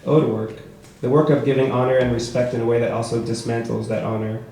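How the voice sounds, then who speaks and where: A man reading his own prose poetry aloud at a book launch, with a measured, rhythmic delivery. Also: mid-range voice, little pitch movement, warm tone. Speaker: author reading his work. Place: bookshop event space. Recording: echoey room with faint noise.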